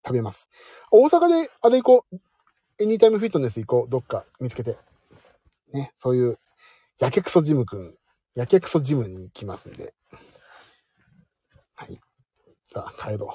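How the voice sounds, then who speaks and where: Male streamer, lively self-mocking late-night chat, dark dry close sound. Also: medium pitch, slightly rough, dry recording. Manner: chatty, self-mocking, warm sign-off to listeners. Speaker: live audio stream host.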